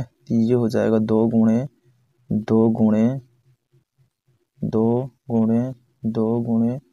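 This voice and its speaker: A man's voice: mid-range voice, warm tone, no room sound. A man teaching a math lesson step by step, counting aloud patiently and checking in often with the viewer.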